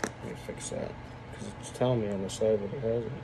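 Fairly low-pitched and gravelly, the voice of this 20-something reviewer stays steady and runs a little fast, with noise behind it. He's a young man with a lip full of dip giving a casual off-the-cuff vlog review from a small indoor room. The mic is his phone at arm's length.

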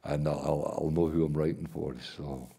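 An older Scottish man with a deep, gravelly voice that has a husky edge. He tells stories at a rambling pace, stopping to restart his sentences, as the guest in an onstage conversation before an audience. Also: little pitch movement, mellow. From Scotland. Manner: rambling anecdotal, halting restarts. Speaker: guest artist and playwright. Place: event hall before an audience.

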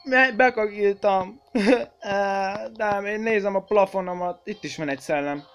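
This gaming channel host has a high voice with fairly even intonation over slight background noise. Playing a horror game, he swears, jumps and shrieks at every scare, and chats with viewers he calls kids.

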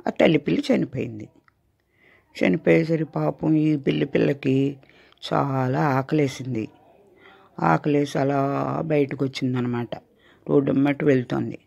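An older grandmother telling a bedtime tale to children in a gentle, coaxing tone. Her voice is dark and gravelly, with a raspy edge. It sounds like a dull, lo-fi home recording. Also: low voice. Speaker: grandmother storyteller. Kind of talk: children's storytelling.

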